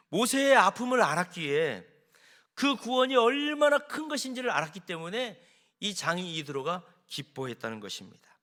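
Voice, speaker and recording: A male senior pastor preaching a Sunday sermon in a church, emphatic and swinging from loud declarations to quiet confiding. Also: a little high. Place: church sanctuary.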